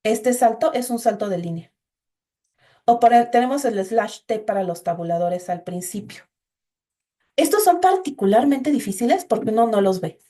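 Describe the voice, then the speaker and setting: A woman's voice: fairly high pitch, animated, normal speed, warm tone. A woman giving an informal, explanatory recorded programming class and talking directly to her students. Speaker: instructor.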